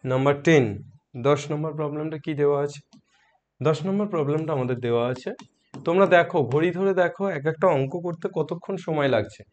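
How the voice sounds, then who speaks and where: A man with a sore throat teaching a math lesson softly, coaxing students with questions as he works problems. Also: on the high side, fast talker. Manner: coaxing, asks students questions, mixes English math terms.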